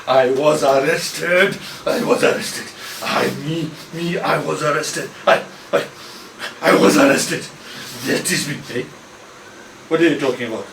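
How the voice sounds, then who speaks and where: A panicky, famous male news reporter who bursts into shouts and repeats every word in a frantic rush, as a man puts him on. His voice sits high and carries the boom of an echoey room. The mic is distant, with a faint hum of ambience behind him. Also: unhurried, gravelly. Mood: flustered.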